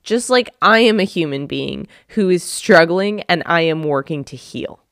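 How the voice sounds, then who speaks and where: A woman's voice: lowish voice, expressive, moderate pace, fairly bright tone, dry recording, studio quality. A woman hosting her own podcast, speaking earnestly and from the heart straight to her listeners. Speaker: podcast host. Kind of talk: reflective solo podcast talk.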